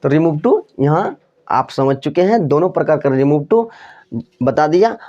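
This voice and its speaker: A man gives a slow, unhurried grammar lesson in Hindi, repeating each rule and example word by word. His voice sits a little high for a man. The recording is dull and lo-fi. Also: very animated, darkish tone. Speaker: English grammar teacher.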